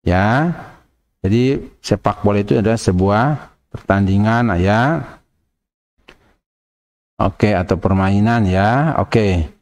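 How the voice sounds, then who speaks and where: A man's voice: fairly low pitch, slow, pauses often, darkish tone. A man teaching English grammar in a video lesson, patiently repeating examples and checking in with the listener.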